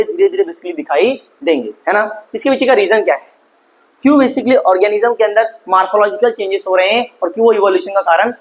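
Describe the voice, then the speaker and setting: A man teaching an online class, often asking his students a question and answering it himself, and reading English lines slowly. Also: high voice, rough recording. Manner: mixes Hindi with English terms, reads English lines slowly.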